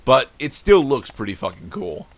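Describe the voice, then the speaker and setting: A man's voice: medium pitch, very animated, normal speed, no echo. A young man co-hosting a casual movie commentary, laid-back and skeptical, swearing casually.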